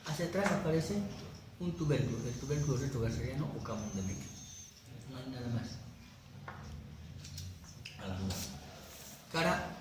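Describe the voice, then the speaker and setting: In a very echoey classroom with background noise, an anatomy lecturer jokes his way through a conversational lesson, often checking that students follow. His medium-pitched voice is animated, at normal speed, with long pauses.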